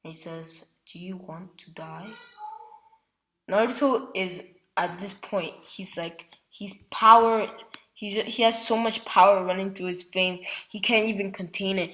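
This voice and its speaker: A woman's voice: mid-range voice, steady tone, unhurried, fairly bright tone. A woman casually retelling a fan-made story, rambling with lots of fillers and self-corrections. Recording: roomy echo.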